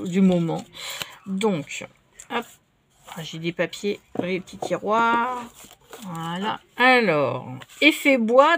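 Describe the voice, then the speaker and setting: A woman talks her viewers through a craft project at home. Her voice sits at a medium pitch, and she keeps the talk loose and casual, filling pauses as she works. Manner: chatty and relaxed, with many fillers. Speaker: craft vlogger. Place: indoors at a craft table.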